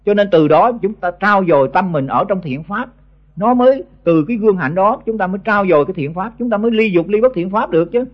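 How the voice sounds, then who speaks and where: Talking fast in a voice that sits high, an older Buddhist monk teacher with a Southern Vietnamese accent scolds monks in a blunt sermon. The old tape has its highs cut off, and he often stumbles over repeated words.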